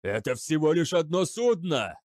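A man's voice: medium pitch, animated, normal speed, mellow, dry recording, clean studio sound, lightly acted. A man voicing a harsh, bullying male fleet lord-commander who barks orders. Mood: furious.

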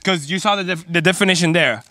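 A man's voice: high-pitched, fast talker, pushed and bright, no room sound. A young man co-hosting a podcast outdoors by a river, arguing insistently into a handheld mic and repeating himself. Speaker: podcast co-host. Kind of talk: casual argumentative chat.

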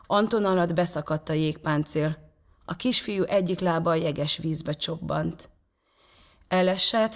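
A woman storyteller from a theatre reading a children's story in a calm, measured way, from a prompter's box. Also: lowish voice.

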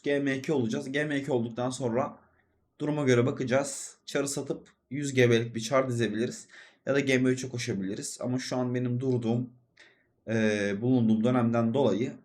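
Chatty young male gaming host, mid pitch, rambling commentary aimed at viewers. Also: a little mellow. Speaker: gaming video host and streamer. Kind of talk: casual gameplay commentary.

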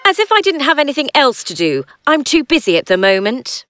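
A woman voicing a strict, busy adult woman who works at a camp, talking briskly and impatiently in a cartoon dub. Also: sits high, very animated, fairly bright tone, soft background music.

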